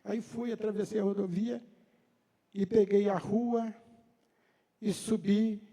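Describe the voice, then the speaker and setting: A man's voice: high voice, flat delivery, slow, warm tone, big-room sound. A man preaching a sermon, telling a personal story in a conversational way and acting out the dialogue. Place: church hall.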